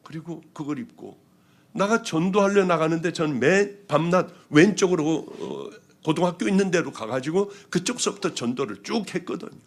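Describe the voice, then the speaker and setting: Husky, animated Korean pastor telling a story. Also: male voice, on the high side, moderate pace. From South Korea. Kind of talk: testimony sermon.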